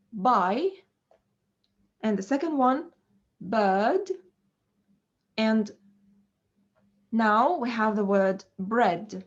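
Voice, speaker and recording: A woman gives an English pronunciation lesson at a very slow, deliberate pace, filling pauses with many ums and uhs. Her voice sits somewhat high. The recording sounds dull and lo-fi. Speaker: English teacher.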